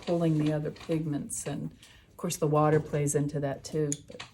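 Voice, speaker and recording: A woman's voice: deep voice, flat delivery, normal speed, mellow, a little hiss or hum. A woman teaching a watercolor class, talking through each step as she paints. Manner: chatty, explains steps while painting. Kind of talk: live class demonstration.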